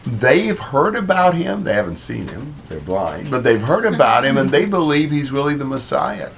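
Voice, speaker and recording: A man leading a group Bible study, explaining a passage in a relaxed way and asking the group questions. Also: mid-range voice, moderate pace, gravelly. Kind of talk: conversational group Bible teaching.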